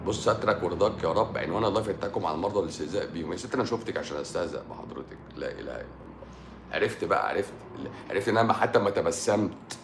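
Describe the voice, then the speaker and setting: Fast sarcastic Egyptian man on a live stream. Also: lowish voice, echoey room, slight background noise. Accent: Egyptian Arabic. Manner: sarcastic, teasing, swings from mutters to loud outbursts. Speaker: doctor hosting a live stream. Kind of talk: live stream chat answering viewer comments.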